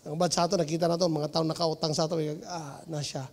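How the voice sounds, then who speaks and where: A male pastor with a Cebuano Filipino accent delivers a lively sermon, switching into English phrases. His voice sits a little high for a man. The sound carries a long reverb, as in a church hall. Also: fast talker. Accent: Filipino, Cebuano-speaking region. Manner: lively preaching, mixing in English, with shouts and laughter.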